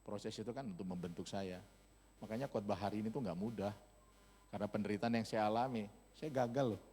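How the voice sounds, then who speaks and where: In a church hall full of long, echoing reverb, a pastor delivers a sermon packed with humorous, casual, slangy stories. His voice sits on the low side, brisk yet warm.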